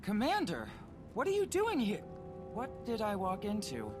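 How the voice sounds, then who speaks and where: A woman's voice: medium pitch, huge pitch swings, a little slow. A woman voicing a weary soldier in a video game, with music behind her. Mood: weary, surprised. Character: weary female soldier back from tracking.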